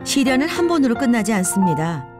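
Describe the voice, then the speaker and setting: A woman's voice: a little high, very animated, quick pace. A woman reads scripted nature documentary narration in a storytelling manner, speaking as if she were one of the animals. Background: background music.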